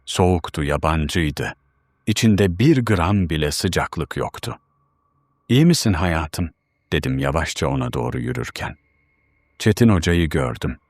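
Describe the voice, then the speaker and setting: Brief: male narrator, very low voice, dramatic first-person horror telling, close and dry. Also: animated, normal speed, no echo. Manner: dramatic, tense storytelling.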